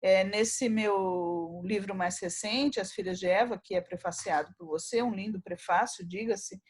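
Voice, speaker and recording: A woman's voice: medium pitch, unhurried, husky. A woman from Brazil, a poet being interviewed, telling an anecdote and acting out the dialogue as she goes. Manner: animated storyteller, acts out dialogue and laughs often.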